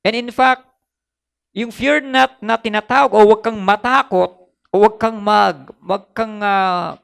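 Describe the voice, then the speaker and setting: Gravelly high-voiced Filipino preacher. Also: male voice, steady tone, unhurried, a bit bright. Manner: mixes Tagalog with English, repeats phrases for emphasis. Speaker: pastor. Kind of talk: sermon.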